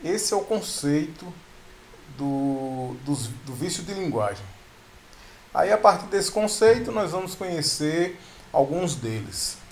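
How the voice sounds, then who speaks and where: Addressing viewers again and again as "pessoal," a man teaches grammar on video with patient explanations and restarted words. His fairly high voice is animated but slow, and some slight background noise is present.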